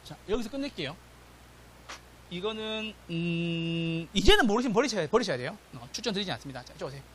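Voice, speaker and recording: A middle-aged man teaching an exam-prep class, lively and constantly checking that students follow. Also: sits high, racing, a little hiss or hum. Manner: animated, checks in with "맞죠?" and "됐죠?", acts out quotes. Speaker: real estate exam lecturer. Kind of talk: classroom lecture.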